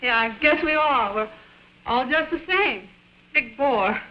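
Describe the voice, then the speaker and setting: A woman's voice: high-pitched, lively intonation, measured pace. An actress playing a desperate but defiant captive woman, dramatic in the manner of an old crime film melodrama. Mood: feigned compliance. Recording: muffled, slightly noisy old film soundtrack.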